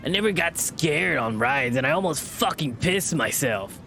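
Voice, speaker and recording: A man voicing an excitable young male hyena in a story, speaking in slangy, breathless exclamations. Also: on the high side, moderate pace, creaky, slight background noise, heavily acted. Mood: thrilled, shaken. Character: excitable foul-mouthed young male hyena, just off a coaster.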